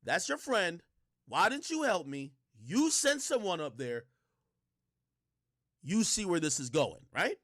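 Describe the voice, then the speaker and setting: Animated slightly high male streamer. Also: a little slow, pauses often, dry recording, studio quality. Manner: reads messages aloud and comments. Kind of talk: casual live-stream reaction commentary.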